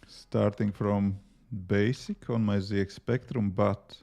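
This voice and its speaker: Slow and steady, a man with a fairly low, creaky, slightly mellow voice talks as faint music plays. He is a livestreaming app developer and native Latvian speaker with a Latvian accent, chatting casually while coding live, rambling through answers to viewer questions between tasks with lots of fillers.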